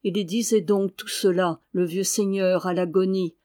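A woman narrating a classic novel as an audiobook, in a calm, even manner. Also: fairly low pitch, measured pace. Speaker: audiobook reader. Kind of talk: literary narration.

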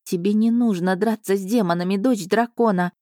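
An ancient female spirit of an island pleads in a slow, solemn audiobook voice, put on by a woman narrator. The tone is mellow and dark, recorded close and dry. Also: mid-range voice, no room sound, natural voice. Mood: tearful imploring. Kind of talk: audiobook reading.

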